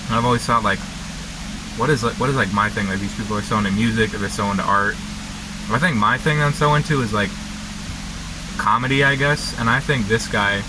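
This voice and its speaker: A young man chatting casually and unscripted to camera, halting and often interrupting himself as he rambles. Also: mid-range voice. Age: young adult. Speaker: vlogger. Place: inside a parked car. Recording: background noise, vehicle ambience.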